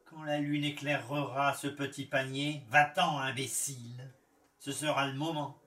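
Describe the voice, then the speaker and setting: A man voicing a spiteful old hunched witch with a hoarse, raspy voice, reading a storybook aloud. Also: mid-range voice, little pitch movement, unhurried. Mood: jeering. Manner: mocking, loud jeering. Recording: echoey room, far from the mic.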